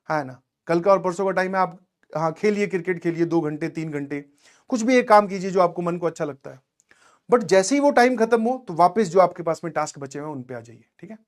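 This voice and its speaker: High-voiced man giving a motivational class talk. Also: fairly quick. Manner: animated storytelling, addresses students directly with frequent "samajh mein aaya?". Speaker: coaching teacher.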